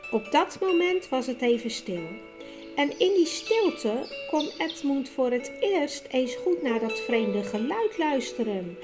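Woman narrator for a children's audiobook, slow and measured, music bed behind. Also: high-pitched, sing-song. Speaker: storyteller.

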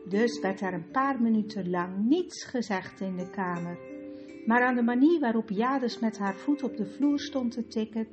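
A woman narrates a children's storybook in a calm, even reading voice, pitched a little high. The recording sounds dull and lo-fi, with clear guitar music playing underneath. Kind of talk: audiobook reading.

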